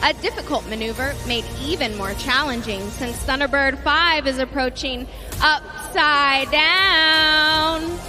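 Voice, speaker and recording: A woman giving scripted airshow commentary in a measured, dramatic announcer style. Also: high-pitched. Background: loud music.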